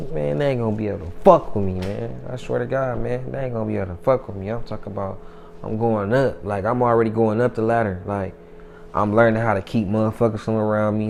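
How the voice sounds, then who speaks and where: Guesting on a casual interview, a twenty-something rapper brags freely and swears a lot. His voice sits on the low side and sounds creaky, with a bit of background noise.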